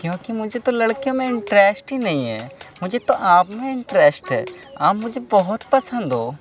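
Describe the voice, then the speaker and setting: A man's voice: high voice, very animated, moderate pace. A man playing a flirty, effeminate male AC repairman in a comic skit, coaxing and pleading in a sing-song way.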